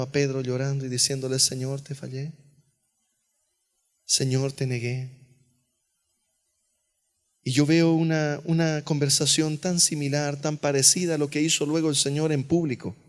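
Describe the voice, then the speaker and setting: A male pastor preaching an earnest sermon, dropping to a hush on key phrases. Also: on the high side, little pitch movement, fairly quick, few pauses, smooth. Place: church sanctuary. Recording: long church reverb.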